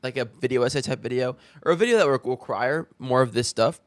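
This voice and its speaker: A man's voice: medium pitch, quick pace. Young male streamer, offhand reaction chatter, swears casually. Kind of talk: casual live-stream commentary.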